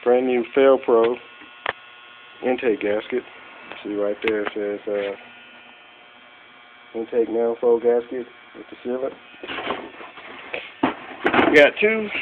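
With a mid-range voice, a man casually and plainly walks through engine parts like a hobbyist vlogger in his cluttered garage workshop. He films on a handheld phone from behind the camera, and the sound is tinny with electrical hum.

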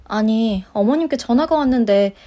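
A woman's voice: fairly high pitch, dark tone. A woman voicing a firm, blunt young working wife and daughter-in-law in a story-radio drama. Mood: exasperated. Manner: brisk, firm, exasperated.

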